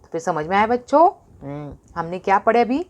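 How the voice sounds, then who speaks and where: A primary school Urdu teacher with an Indian Urdu accent records a lesson for young children, asking questions and then answering them herself. Her medium-pitched, slightly mellow voice is very animated, and she stretches and repeats words slowly.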